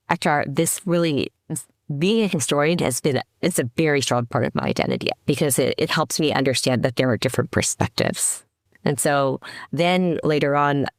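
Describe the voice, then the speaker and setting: A very deep-voiced, middle-aged woman from the Seattle area, United States, guests on a podcast and tells her story. As a company CEO in casual interview talk, she's reflective and restarts often, using fillers along the way. It's a dry recording with clean studio sound.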